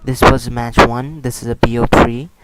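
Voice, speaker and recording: A man whose first language is neither English nor Hindi hosts an esports livestream, commenting on matches and chatting casually, rambling and repeating himself while answering chat as he goes. His mid-range voice is flat and normally paced on a close microphone, with very heavy noise.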